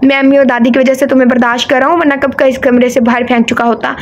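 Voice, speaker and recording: Brief: woman voicing a curt young widower, scolding tone, high-set voice, storybook reading. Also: level tone, quick pace, a little hiss or hum, natural voice. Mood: angry. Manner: sharp and scolding.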